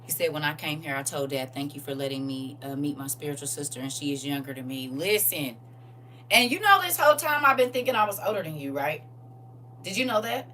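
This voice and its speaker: A woman in her forties with a low voice hosts a casual livestream and reads viewer comments aloud in an animated, teasing way. Her mic sits a little away from her, and there is a faint hum behind her. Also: a little fast, distant mic.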